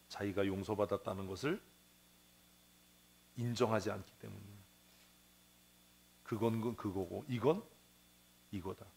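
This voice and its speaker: His voice runs low with vocal fry as this male pastor preaches in a church sanctuary, slight background noise audible. He tells a parable conversationally, performing its voices and asking the congregation questions.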